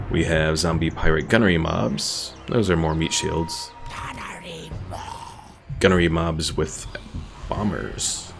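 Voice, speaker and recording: Over game music, a man with a very deep, gravelly voice gives casual commentary while streaming a strategy game, thinking aloud as he plays.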